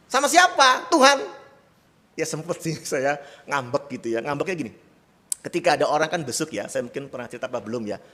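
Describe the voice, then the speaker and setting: A man's voice: fairly high pitch, big-room sound. A male pastor preaching a sermon in a church, conversational and laced with self-deprecating humor. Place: church sanctuary.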